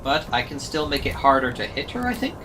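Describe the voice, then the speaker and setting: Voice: medium pitch, sing-song, a little fast, noisy background. A streamer giving wry, self-mocking running commentary while playing a game live. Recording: game music playing underneath. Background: game music and sound effects.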